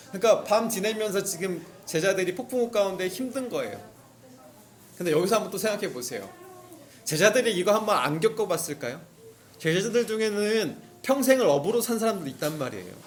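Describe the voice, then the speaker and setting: A male pastor delivers a relaxed, conversational sermon, telling the story vividly and acting out the characters' cries. His voice sits high and swings widely in pitch. He keeps turning to the congregation with questions.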